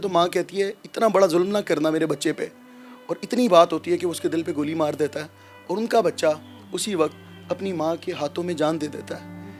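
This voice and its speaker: A man reporting from the field, setting out the case in a measured, formal way. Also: high voice. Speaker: TV news reporter.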